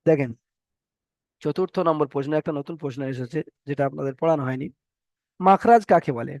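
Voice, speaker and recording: A man with a fairly high voice teaches an online tajweed class, talking his students through each rule step by step. He repeats every rule and letter sound so they can follow along. The recording is dry and close, with almost no room sound. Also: a little fast, creaky, a little mellow, no room sound. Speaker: Quran recitation teacher.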